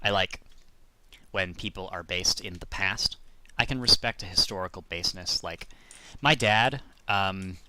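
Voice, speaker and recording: Bright-voiced rambling male game streamer. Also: lowish voice, clean tone. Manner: rambling, jokey, self-deprecating. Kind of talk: casual gameplay commentary.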